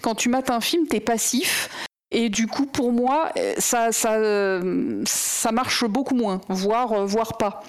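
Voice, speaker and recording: Woman co-host, fairly high voice, loose rambling podcast chat full of fillers. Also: slow pace. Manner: chatty and rambling, many fillers and restarts. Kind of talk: casual chat.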